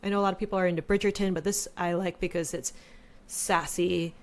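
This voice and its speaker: A woman's voice: on the low side, steady tone, fast. A woman in her thirties co-hosting a podcast, chatting casually with lots of fillers. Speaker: podcast co-host. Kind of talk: casual chat.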